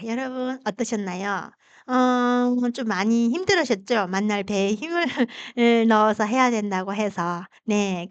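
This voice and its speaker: A woman teaching Chinese pronunciation, patiently demonstrating tones with long drawn-out vowels. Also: mid-range voice, smooth, dry recording, muffled recording. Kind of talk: pronunciation lesson.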